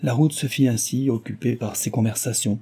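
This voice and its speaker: A man's voice: medium pitch, husky. A man steadily reading a classic novel aloud as narrator. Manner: steady and measured. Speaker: audiobook narrator.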